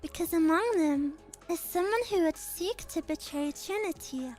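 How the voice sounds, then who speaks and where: A woman voicing a refined, grave schoolgirl leader in a game story, formal and measured. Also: very high-pitched, a little mellow, soft background music, pitched below the performer's own voice. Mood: grave, explaining. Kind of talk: visual novel game dialogue read aloud.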